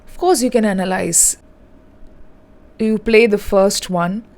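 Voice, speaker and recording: A woman's voice: mid-range voice, slow, darkish tone. A woman giving an online lesson in a direct, instructive, step-by-step manner. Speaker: English teacher.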